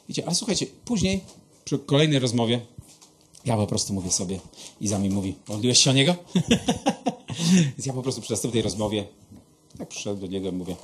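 A pastor giving a sermon, telling personal stories in a lively, conversational way and speaking straight to his listeners. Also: medium pitch, a little hiss or hum.

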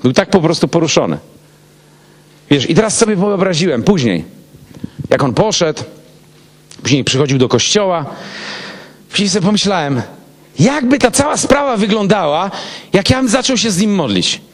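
Lively male pastor telling a story. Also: high voice, moderate pace, pauses often. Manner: animated, acts out both sides of the dialogue. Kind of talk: casual storytelling of a personal anecdote.

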